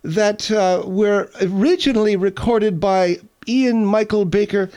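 A man's voice: high-pitched, unhurried, a little mellow, clear, resonant tone, pitched above the performer's own voice. A man voicing a brash, opinionated woman co-host with a snippy, self-important manner in comic radio banter. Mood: self-assured.

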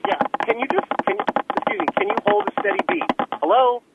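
A man's voice: very high voice, sing-song, fast talker, vocal fry. A man calling in over the telephone from his car, a percussionist who bluntly and scornfully grills the guest with questions. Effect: heard over a telephone line from a car. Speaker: radio caller, trained percussionist. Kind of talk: combative call-in argument. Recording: narrow phone line with faint hiss.

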